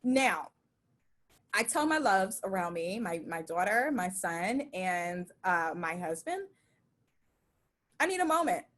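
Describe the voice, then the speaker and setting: A middle-aged woman preaching a sermon in a conversational, emphatic and animated way. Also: on the low side, slow pace.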